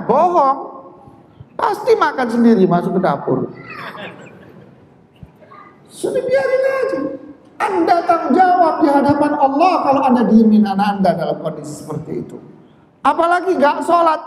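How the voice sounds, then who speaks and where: A man from East Java preaching an emphatic, animated sermon in a mosque. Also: very high-pitched. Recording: echoey hall, long reverb.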